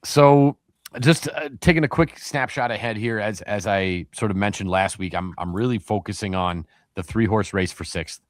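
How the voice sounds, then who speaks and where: A man's voice: fairly low pitch, normal speed, no echo, studio quality. A man co-hosting a sports podcast, chatting casually and rambling with lots of fillers and restarts. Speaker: podcast co-host.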